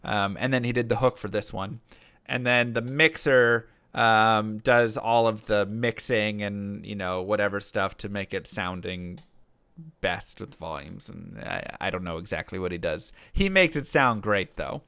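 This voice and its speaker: During a live stream, this rapper casually takes chat questions, reading them aloud and rambling with many fillers and restarts. His fairly low voice is unhurried, creaky, pushed and bright, yet clear and resonant. The recording is dry.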